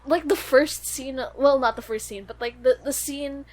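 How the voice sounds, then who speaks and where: Woman, podcast co-host, somewhat high voice, giggly, enthusiastic, rambling casual chat. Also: normal speed.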